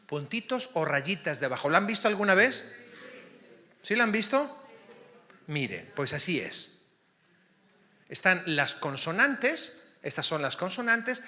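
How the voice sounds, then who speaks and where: A man's voice: fairly high pitch, sharp tone. A man, a priest, leading a parish Bible study class, often checking in with his listeners to see that they follow. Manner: keeps checking in with the class, asking "ok?". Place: parish hall or church classroom. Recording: long reverb of a church hall.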